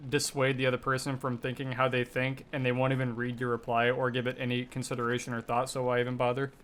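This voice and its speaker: A man's voice: medium pitch, fast. A young man co-hosting a casual podcast chat, swearing freely and acting out the people he talks about. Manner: profane, animated, acts out quoted people mid-story. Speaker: podcast co-host.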